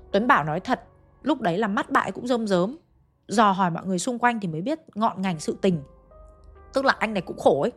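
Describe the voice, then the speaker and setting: A woman telling a ghost story in a chatty, conversational way, often speaking straight to her listeners. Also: mid-range voice. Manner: chatty, addresses listeners directly. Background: faint background music.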